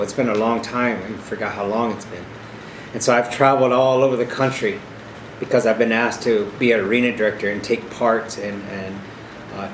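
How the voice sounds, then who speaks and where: A middle-aged or older man giving an informal, earnest explanatory talk as a powwow arena director, stressing key points with repeated phrases. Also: on the low side. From South Dakota, United States. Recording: echoey room with clear steady background hum.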